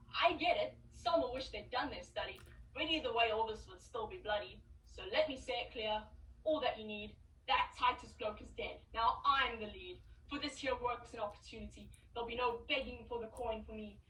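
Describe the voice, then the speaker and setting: Cheeky male Cockney street clown played by a woman, high bright voice, heard from afar on an echoey stage. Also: distant mic, slight background noise, natural voice. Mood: scheming. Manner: rhyming, chatty, boastful. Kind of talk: stage play acting.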